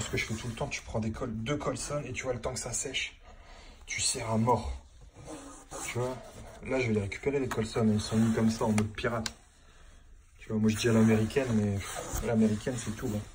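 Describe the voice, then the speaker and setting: Chatty plumber on a noisy site phone video. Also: male voice, on the low side, fairly even intonation, fairly quick. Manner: chatty and informal, keeps saying "tu vois" to the viewer. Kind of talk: casual on-the-job how-to. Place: indoor building site under renovation. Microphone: phone held in hand while working. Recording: noisy handheld phone recording on a work site.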